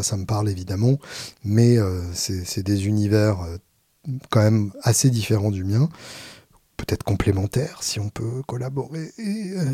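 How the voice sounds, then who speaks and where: A man's voice: lowish voice, dark tone, dry recording, clean studio sound. A man who sings in a band, talking casually to his viewers, hesitant with many fillers and restarts, wry and self-mocking. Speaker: singer in a band. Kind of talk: casual talk answering viewer questions.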